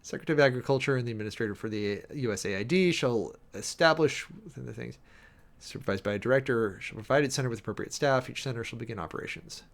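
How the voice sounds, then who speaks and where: A male streamer and preacher with a creaky, average-pitched voice reads formal text out loud, annotating as he goes. His commentary is sardonic and wry, moving between brisk reading and halting, emphatic asides.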